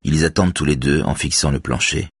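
A man giving a measured, even scripted narration of a novel. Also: very deep voice, slightly rough, no room sound, clean studio sound.

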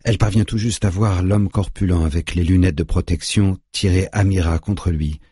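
A man narrating an audiobook in a grave, measured way, recorded on a close studio mic. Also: low voice, fairly even intonation, mellow, slightly rough, no room sound.

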